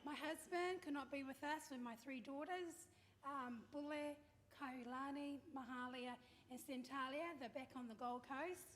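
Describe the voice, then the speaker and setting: A woman's voice: high voice, unhurried. A woman, giving a chatty, humorous eulogy for her father and acting out what he said. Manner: chatty, humorous storytelling, acts out quotes. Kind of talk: eulogy at a family service. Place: large hall at a memorial service. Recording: echoey hall, faint background noise.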